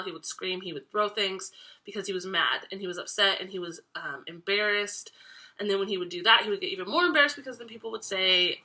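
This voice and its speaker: Stuffed up with a cold, a young woman in her twenties chats about parenting on her vlog, speaking straight to camera. Her mid-range voice is bright and forceful, the audio quality is poor, and she fills her talk with ums and false starts.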